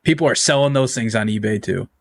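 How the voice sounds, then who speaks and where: A man with an average-pitched voice chats loosely as a podcast co-host. He doubles back on his words and curses casually. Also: fast talker, dry recording. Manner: repeats words, profane. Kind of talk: casual chat.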